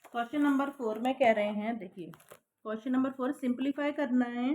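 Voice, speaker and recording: Female maths teacher, patient, a little high-pitched, steady step-by-step explanation. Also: fairly quick. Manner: patient, checks in with repeated "thik hai" and "hai na".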